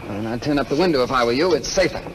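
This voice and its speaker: A man's voice: medium pitch, lively intonation, rapid-fire, noisy background, close to an everyday voice. An actor playing a bossy, flippant man about town, clipped and sarcastic, in 1930s screwball comedy film banter.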